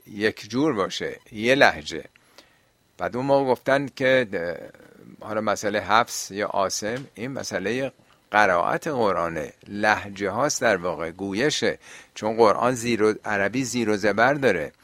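A man with a fairly low voice explains religious questions in a question-and-answer talk. He often puts rhetorical questions to his listeners. The recording is close and dry, with no room sound. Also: fairly bright tone, dry recording.

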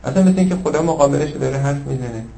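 A man's voice: mid-range voice, vocal fry. Fervent male preacher with a roomy echo. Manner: shifts between fervent raised passages and hushed asides, slowly intoning scripture. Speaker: religious lecturer. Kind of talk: sermon.

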